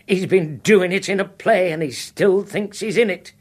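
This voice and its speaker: A man's voice: high-pitched, normal speed, husky, pitched above the performer's own voice. A man voicing a bossy, blunt, nagging wife. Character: bossy sharp-tongued wife, Rita.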